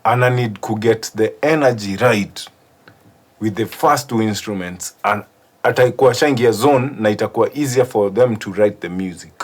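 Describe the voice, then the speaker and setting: A man's voice: fairly low pitch, moderate pace. A man with a Kenyan accent giving a casual studio walkthrough as a music producer, switching between languages. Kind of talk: casual studio walkthrough mixing English and Swahili.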